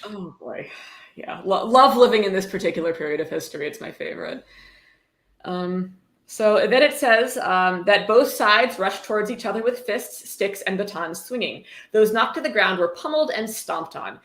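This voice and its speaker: A woman with a mid-range, fairly bright voice and lively intonation hosts a casual livestream, reading a book aloud at normal speed. She tosses in wry, sarcastic, blunt commentary, and the room sounds echoey.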